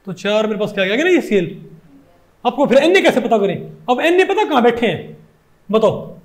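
A man with a Hindi accent and a strikingly high voice lectures on chemistry. He keeps asking his class rhetorical questions and goes over each point again and again. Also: big pitch swings, normal speed. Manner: asks constant rhetorical questions, repeats points. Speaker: chemistry teacher.

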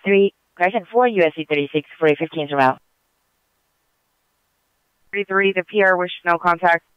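Crisp, clipped male police dispatcher on radio. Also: high-pitched, normal speed, dry recording, muffled recording. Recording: police scanner radio transmission.

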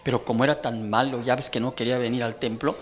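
With a crowd audible behind him, a Mexican-accented man in his sixties delivers a funny testimony from the pulpit, poking fun at the congregation. He talks fast in a mid-range voice with a steady tone.

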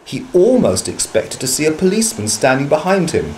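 A man's voice: fairly high pitch, brisk, slight background noise, low-quality recording. Man reading a storybook expressively. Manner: expressive, lively storybook delivery. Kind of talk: reading a children's storybook aloud.

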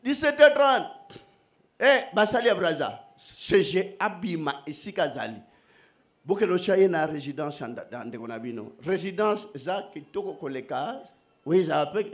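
Emphatic high-voiced male preacher. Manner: emphatic, raising his voice to the congregation. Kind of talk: sermon mixing Lingala and French.

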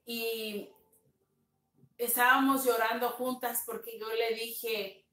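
A woman pastor speaking slowly and tenderly on a livestream, sharing a testimony and greeting viewers, sometimes slipping in English words. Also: a little high, level tone, a bit bright, roomy sound, distant mic. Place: home room, dim. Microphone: phone on a live stream.

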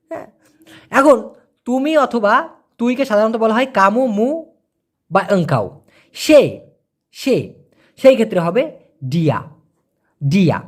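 Teacher going over basics for beginners, says each word twice nice and slow. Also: medium pitch. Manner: repeats words slowly for learners. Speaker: Malay language teacher. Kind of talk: beginner language lesson.

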